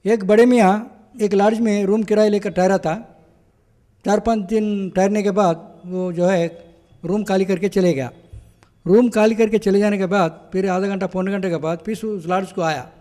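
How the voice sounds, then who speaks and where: A man's voice: high-pitched, steady tone, normal speed, mellow, big-room sound. A man telling stand-up jokes and stories, full of repeats and fillers. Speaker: mimicry and joke performer.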